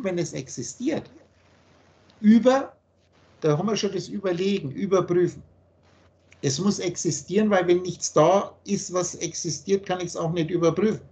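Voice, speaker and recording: Man explaining on a video call. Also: high-pitched. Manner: earnest, explanatory, slows down on key points. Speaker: spiritual teacher. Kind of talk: philosophical teaching monologue.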